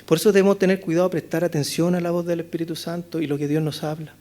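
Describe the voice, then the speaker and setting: A man's voice: fairly high pitch, little pitch movement, quick pace. A male pastor with a Chilean accent preaching an expository sermon, asking rhetorical questions and often adding "¿no es cierto?". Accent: Chilean Spanish. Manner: rhetorical questions, frequent "¿no es cierto?", swings between loud and hushed. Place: church chapel.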